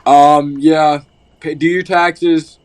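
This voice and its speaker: A man's voice: fairly high pitch, level tone, slow, clean tone, low-quality recording. A man hosting a casual podcast, loose and profane, rambling with lots of fillers. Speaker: podcast host.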